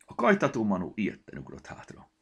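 A man reading a children's story aloud, expressive and quiet in the narration. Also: on the low side, husky.

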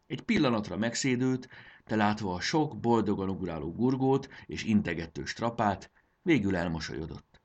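A man's voice: lowish voice, lively intonation, lo-fi sound. A man narrating a children's storybook expressively, voicing the characters.

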